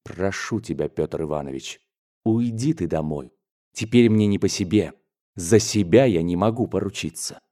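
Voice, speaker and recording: A man voicing a stern, cold father in an audiobook, speaking low and measured, stressing each word. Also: warm tone, close to an everyday voice. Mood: restrained. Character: stern working-class father, cold and weary.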